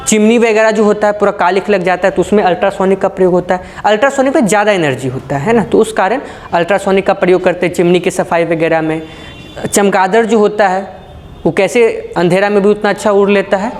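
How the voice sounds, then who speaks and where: A man's voice: high voice, a little hiss or hum. A man giving a physics lecture, posing questions and answering them himself with folksy examples and frequent checks for understanding. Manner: folksy, uses everyday examples. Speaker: physics teacher. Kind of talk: classroom lecture.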